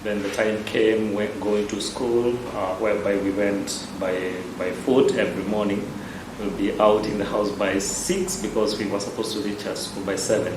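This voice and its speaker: A Kenyan-accented man speaks as a parish priest, answering questions slowly and with many hesitations. His voice sits low. The room is echoey, and a steady background ambience sounds loud behind him. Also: background noise. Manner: measured, unhurried, with frequent hesitations.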